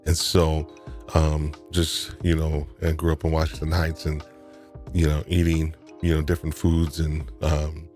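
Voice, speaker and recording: Over soft background music, a deep-voiced New Yorker hosts a casual live stream chat in a monotone, unhurried, slightly mellow way. His talk rambles, full of restarts and repeated words.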